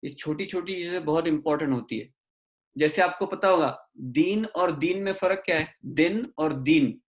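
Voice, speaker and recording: A man teaching an online class, mixing English into Hindi and slowly drawing out syllables to correct pronunciation. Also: on the high side. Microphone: video call.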